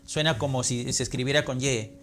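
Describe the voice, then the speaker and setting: A man's voice: medium pitch, fairly even intonation, a little fast, a bit bright, soft background music. A man with a Lima Peruvian accent, a literature professor talking as an interview guest, explaining in a teaching manner and answering his own questions. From Peru.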